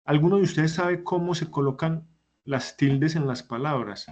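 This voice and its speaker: A man's voice: fairly high pitch, normal speed. A man teaching a class who explains step by step and puts questions to his students. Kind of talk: online class lecture.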